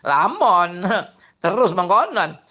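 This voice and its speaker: A man with a Cirebon Javanese-tinged accent, reading a classical religious text aloud and explaining it to students in an animated way, exclaiming and chuckling often. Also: high voice, slow pace, lo-fi sound. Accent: Cirebon Javanese-tinged Indonesian. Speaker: Islamic boarding school teacher.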